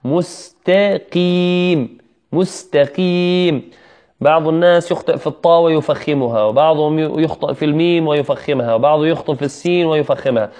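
A man teaching Quran recitation who repeats syllables slowly and draws out words as he demonstrates, and asks his students to repeat after him. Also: on the high side, a little mellow. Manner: addresses students directly and asks them to repeat. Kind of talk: recitation lesson.

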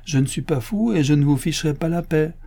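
A dogged police inspector, as a man reads him aloud, brusque and insistent, pitched well above the reader's own voice and pushed a little louder. Mellow timbre under it, an audiobook character voice. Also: quick pace, gravelly.

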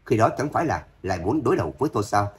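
A man's voice: fairly low pitch, big pitch swings, very fast. A man voicing a cold, vengeful young son-in-law who speaks harshly in an audio story. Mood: cold scorn.

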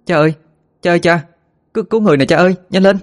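A man voicing a young village girl who shouts to her father in high, urgent cries. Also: expressive, a little fast, close to an everyday voice. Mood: urgent calling.

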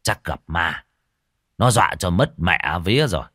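A bossy old village sorcerer, performed by a male narrator. He barks orders in a loud, gruff voice with a lively pitch. The recording is close and dry. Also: moderate pace, no echo.

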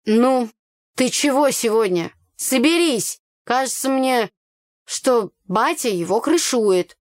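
A woman's voice: on the high side, lively intonation, slow pace, no echo, clean studio sound, voice pushed up. Woman voicing a brash gossipy village girl. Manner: blunt, slangy, grumbling.

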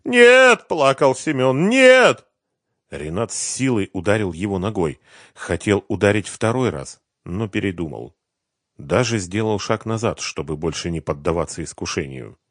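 A man narrating an audiobook in a dramatic, expressive reading. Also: low voice, normal speed, no room sound, studio quality. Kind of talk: scripted narration.

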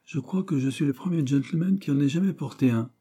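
A man's voice: on the high side, fairly quick, mellow, breathy edge, voice pushed up. A man voicing a sulky, defiant young male apprentice who grumbles insolently. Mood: grumbling.

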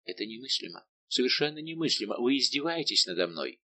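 Brief: a male reader playing a young noblewoman, raised pitch, emotional and imploring. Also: very animated, fast talker, sharp tone, no room sound. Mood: anguished. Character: young French noblewoman, tearful, pleading. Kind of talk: audiobook dialogue reading.

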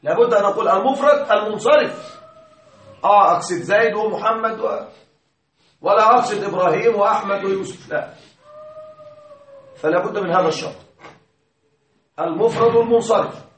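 A male grammar teacher giving a classroom lesson, patiently explaining, quizzing his students and chanting quoted verses slowly. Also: high-pitched, a bit bright, slight background noise. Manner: recites verses in slow measured chant. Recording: echoey classroom from far off.

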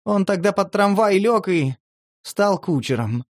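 Guy putting on a high whiny strung-out street addict, touchy and teary, horror audiobook, dry sound. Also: expressive, a little slow, dry recording. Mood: brusque. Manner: shrill, agitated, pleading. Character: strung-out homeless male addict, touchy and tearful. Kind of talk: audiobook character voice.

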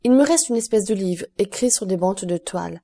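A woman reads a talkative male prison guide, humble and eager to please. The audiobook voice stays warm and soft-edged, with only a light lift for the character. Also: mid-range voice, expressive, fairly quick. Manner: eager, deferential.

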